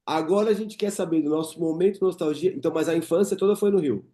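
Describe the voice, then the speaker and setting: A Brazilian man in his thirties hosts a podcast, chatting casually with his guest and reminiscing in a relaxed interview. His voice is warm and a little high, and he talks fast.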